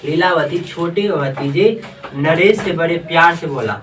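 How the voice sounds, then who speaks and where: A man's voice: a little high, unhurried, a bit bright, a little hiss or hum. A male teacher, reading a story aloud in a classroom and quizzing his students as he goes. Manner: reads aloud then quizzes students with questions. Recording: distant classroom recording.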